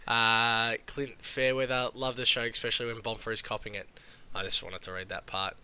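A man's voice: medium pitch, level tone, moderate pace, a crowd in the background. An Australian man hosting a casual sports podcast, reading out questions and chatting. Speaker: podcast host. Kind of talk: casual fantasy football podcast chat.

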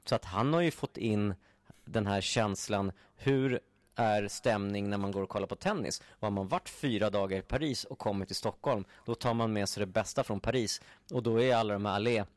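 A man co-hosting a casual podcast, telling stories in a chatty, animated way. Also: lowish voice, no echo. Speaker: podcast co-host. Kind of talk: casual chat.

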